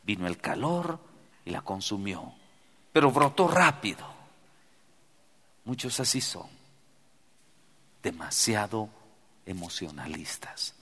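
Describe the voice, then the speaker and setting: A man preaching a sermon as pastor, swinging between loud cries and hushed prayer. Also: on the low side, huge pitch swings, measured pace, long pauses. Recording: long hall reverb.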